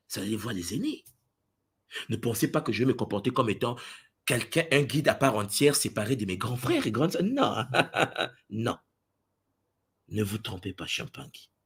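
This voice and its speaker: Brief: husky male spiritual teacher, lively swooping delivery, mimics others' voices in asides. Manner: swings from booming exclamations to low intimate asides. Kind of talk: impassioned spiritual address to followers.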